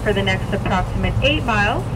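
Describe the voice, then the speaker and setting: A woman making a formal, scripted announcement over a train intercom, speaking in a measured way. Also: expressive. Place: inside a moving train carriage. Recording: train intercom under loud rumbling train noise.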